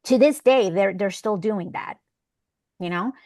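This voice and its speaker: A woman's voice: medium pitch, a little slow, darkish tone, no room sound, studio quality. A woman from El Salvador leading an online class discussion, talking in a chatty way with many fillers and restarts. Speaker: class leader.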